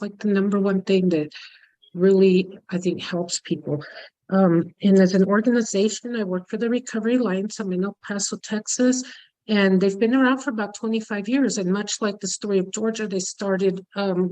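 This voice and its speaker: A woman's voice: mid-range voice, a little mellow, poor audio. A woman in long-term recovery who works in harm reduction, sharing in a casual, upbeat way on a video call. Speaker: harm reduction outreach worker. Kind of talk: online workshop share.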